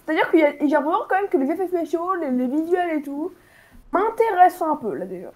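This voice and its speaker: A woman's voice: very high-pitched, very animated, quick pace, darkish tone. A woman talking casually as a panelist. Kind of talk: casual chat.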